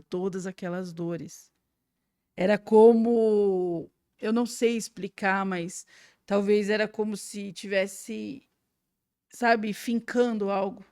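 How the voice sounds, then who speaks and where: A woman with a Brazilian Portuguese accent, a guest sharing an emotional personal testimony with vivid storytelling, swinging between hushed and loud. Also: mid-range voice, no echo, clean studio sound.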